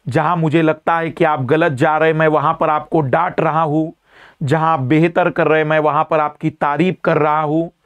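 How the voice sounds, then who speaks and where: A man lectures students in a live online class, his voice sitting a little high. He explains patiently, stresses each key term and often says it twice. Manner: explanatory, emphatic, repeats key terms. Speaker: teacher.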